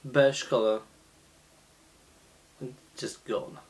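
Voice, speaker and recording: Slow, halting man reviewing beer. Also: mid-range voice, steady tone, a little mellow. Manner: slow, halting, many fillers and restarts. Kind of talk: casual beer tasting review. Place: small indoor room, seated at a table.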